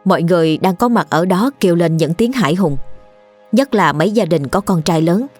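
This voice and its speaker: Low-voiced woman narrating a ghost story. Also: animated, a little fast. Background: soft background music.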